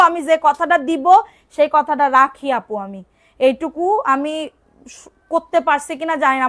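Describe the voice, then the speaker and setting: A woman selling clothes on a live stream, repeating prices and urging viewers to order quickly, and sometimes scolding commenters. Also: high-pitched, a bit bright. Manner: brisk, repetitive, urging buyers to order fast. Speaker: online clothing seller. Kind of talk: live-stream sales pitch.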